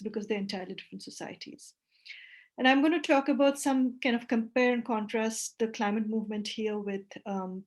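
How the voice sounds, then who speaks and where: A woman in her forties who grew up in India gives a workshop talk over a video call. She speaks thoughtfully, with frequent fillers and self-corrections. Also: mid-range voice. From West Bengal, India. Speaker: workshop presenter.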